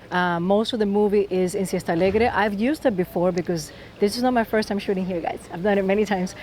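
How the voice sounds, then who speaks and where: A woman's voice: mid-range voice, a little mellow, slight background noise. A woman from Puerto Rico with a Puerto Rican accent, a film director talking enthusiastically in a press interview and often restarting her sentences.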